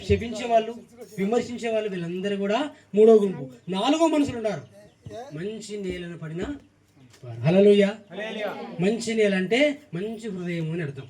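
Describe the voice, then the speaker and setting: A man's voice: high voice, fairly quick, warm tone, distant mic. A man preaching a sermon, emphatic, reeling off repeated lists and firing questions at the congregation.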